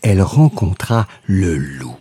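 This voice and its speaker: A man's voice: sits low, breathy edge, no echo. A man reading a fairy tale aloud as a storyteller. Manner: slow, lively storybook narration. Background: soft music.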